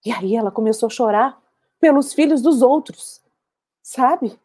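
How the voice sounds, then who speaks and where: An actress playing an older woman war veteran who recounts her memories in a measured, reflective dramatic monologue. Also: on the high side, mellow. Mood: sober.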